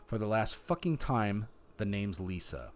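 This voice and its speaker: A man's voice: on the low side, expressive, a little slow. A man voicing a ferocious young woman who talks bluntly and commandingly. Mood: furious.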